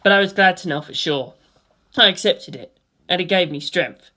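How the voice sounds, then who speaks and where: Telling a vivid first-person action story at a moderate pace, this narrator has a medium-pitched, sharp voice. Gunfire and explosions are voiced aloud as spoken sound effects.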